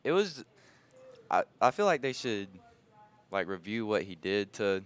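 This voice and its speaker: A man's voice: on the low side, big pitch swings, a little slow, smooth. A man casually recounting events as a show guest, in a hesitant, understated way. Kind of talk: casual chat.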